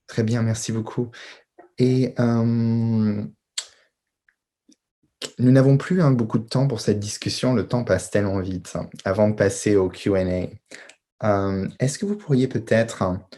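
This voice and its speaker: A man's voice: on the low side, a little slow, mellow. A man moderating a panel discussion, phrasing questions in a circling way with frequent little tag words.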